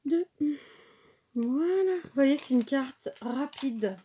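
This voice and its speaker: A woman's voice: high-pitched, animated, slow pace, mellow, a little hiss or hum. Chatty woman explaining a craft. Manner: chatty, self-correcting, often checks in with the viewer. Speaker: craft tutorial host. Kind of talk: casual craft tutorial.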